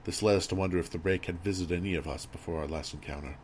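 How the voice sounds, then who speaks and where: Very deep-voiced man narrating horror. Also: steady tone, fast talker, a little mellow. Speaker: creepypasta narrator. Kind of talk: scripted horror story narration. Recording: audible background noise and ambience.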